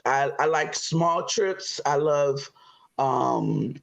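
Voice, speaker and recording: A woman in her fifties from Florida introducing herself on a dating show, chatty, pausing often on "um" and quick to laugh. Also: low voice, expressive, creaky. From Florida, USA. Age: 50s. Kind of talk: casual self-introduction. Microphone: computer on a video call.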